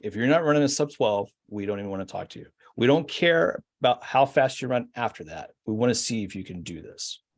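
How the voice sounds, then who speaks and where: A man's voice: mid-range voice, expressive, brisk, hardly any pauses. A man in his forties, a podcast guest, telling his story in a reflective, hesitant way with many fillers. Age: 40s. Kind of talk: casual storytelling.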